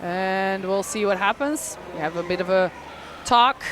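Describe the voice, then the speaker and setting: Unhurried and medium-pitched, this Belgian play-by-play commentator, whose first language is Dutch, narrates a roller derby bout live. His manner is talkative and self-mocking, with frequent laughter.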